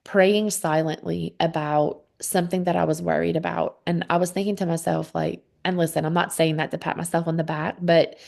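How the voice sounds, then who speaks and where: Gravelly-voiced woman leading Bible study. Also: lowish voice, flat delivery, brisk, hardly any pauses, a little mellow. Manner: conversational, many "um"s and "okay?" check-ins. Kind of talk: casual Bible study teaching.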